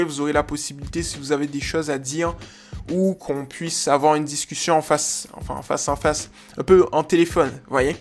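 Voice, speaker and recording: A man hosting a dog-training podcast in a chatty, enthusiastic monologue full of fillers. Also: fairly high pitch.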